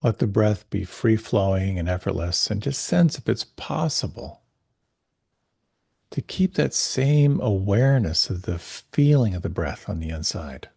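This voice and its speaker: A man teaching a guided meditation class, giving gentle, unhurried, soothing instructions with pauses. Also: lowish voice, sing-song, vocal fry, breathy edge, dry recording, studio quality.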